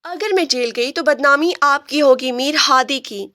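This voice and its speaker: A woman's voice: sits high, pushed and bright, no echo, studio quality. A woman voicing a proud, stubborn young woman who answers back with teasing defiance. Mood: defiant.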